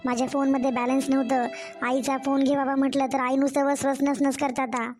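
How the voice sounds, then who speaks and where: Woman voicing a sorrowful young mother, high-pitched. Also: flat delivery, brisk, a little mellow, soft background music, natural voice. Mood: pleading. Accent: Marathwada Marathi. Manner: complaining, tearful pleading. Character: young mother, distressed, pleading daughter-in-law. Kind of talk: cartoon story voice acting.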